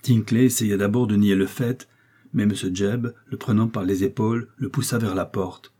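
Man reading an old novel out loud, low husky voice, dark mellow tone, steady pace. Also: moderate pace. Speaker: audiobook reader. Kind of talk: literary audiobook narration.

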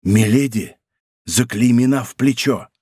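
A man's voice: a little high, animated, moderate pace, no room sound, clean studio sound, lightly acted. A man reading an audiobook, voicing a hot-headed young nobleman who speaks urgently and earnestly.

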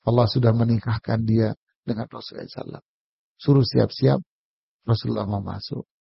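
A man's voice: mid-range voice, fairly even intonation, fast, creaky, slightly rough, no echo, lo-fi sound. A man giving a casual, humorous religious lecture, joking with and speaking directly to his audience. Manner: jokey, talks straight to the audience. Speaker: Islamic preacher.

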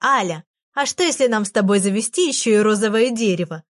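A woman's voice: mid-range voice, fast, natural voice. A woman reading aloud, voicing a tiny bossy magical girl creature who exclaims and tells on others. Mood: chirpy. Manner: lively, exclaiming, tattletale.

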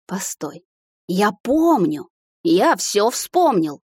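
A woman voicing a male executive who speaks in a measured, earnest way. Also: mid-range voice, a little mellow, no echo, clean studio sound, lightly acted. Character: confused, then relieved male executive.

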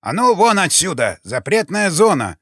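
A crotchety old sentry barks and swears at an intruder, as a male audiobook narrator puts him on. The voice is pushed higher and louder, with a bouncy, animated swing. It sounds close and dry, with quiet music underneath. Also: moderate pace, gravelly, slightly rough, dry recording, full character voice. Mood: cantankerous shouting. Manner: shouting, cursing, indignant. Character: grumpy half-deaf old male sentry.

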